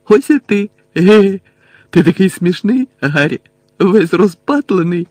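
A man's voice: high voice, lively intonation, a little slow, no room sound, voice pushed up. A man reading aloud, voicing a teenage boy wizard who is giggling and dazed after a curse. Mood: giddy dazed. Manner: giggling, slurred and loud.

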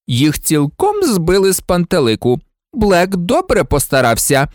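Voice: medium pitch, wildly swooping pitch, unhurried, darkish tone, no echo, clean studio sound, pitched above the performer's own voice. A reader voicing a cold, sneering middle-aged male professor in a storybook, full of contempt.

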